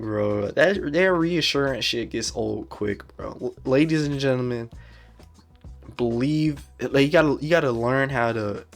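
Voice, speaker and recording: A man's voice: mid-range voice, creaky. Blunt, profane young man ranting. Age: 20s. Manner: blunt, profane, slangy, repetitive. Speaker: podcast host. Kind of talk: casual solo podcast rant.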